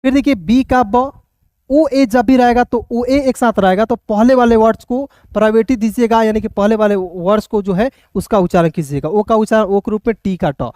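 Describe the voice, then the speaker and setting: A man's voice: sits high, steady tone, normal speed, a little mellow, no echo, studio quality. A man teaching an English lesson to viewers in a classroom style, explaining step by step and often asking questions and calling them friends. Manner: frequently addresses listeners as friends.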